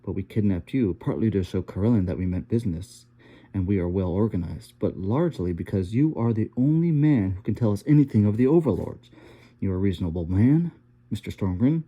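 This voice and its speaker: A man voicing an elderly blind rebel leader from Wales who speaks in a calm, soft, lilting way. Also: fairly low pitch, fairly quick, breathy edge, highs cut off. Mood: calm persuasion.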